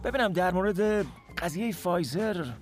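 Touchy bossy boss man, high-ish voice, very lively pitch. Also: soft background music. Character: spoiled adult male boss, touchy, domineering. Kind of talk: dubbed film acting.

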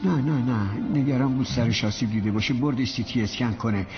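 A man's voice: medium pitch, soft background music, lightly acted. A male dubbing actor voicing a frantic father searching a hospital for his wife and daughter, agitated and pleading. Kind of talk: Persian film dub. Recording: dull lo-fi film audio with loud score.

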